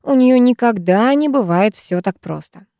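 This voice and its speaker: A woman narrating a first-person novel as an audiobook, with a lively, expressive reading. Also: on the high side, moderate pace, no room sound, clean studio sound.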